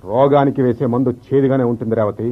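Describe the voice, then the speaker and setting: An actor playing a bitter, reproachful husband in an old radio show, speaking slowly and reflectively, with the dull sound of a vintage radio broadcast. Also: male voice, medium pitch, steady tone. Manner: slow, reproachful, reflective speech. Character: bitter middle-aged husband, a clerk left behind. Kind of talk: 1970s radio drama acting.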